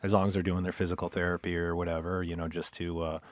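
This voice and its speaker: A man hosting a podcast interview, asking questions in a casual, chatty way with halting restarts. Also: low-pitched, flat delivery, no room sound. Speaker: podcast host. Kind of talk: interview conversation.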